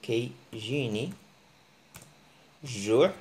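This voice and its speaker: A man giving a casual, joking online language lesson, teasing his viewers and breaking into animated bursts. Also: slow pace. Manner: joking, animated, teasing, with sudden pitch jumps. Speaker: language teacher.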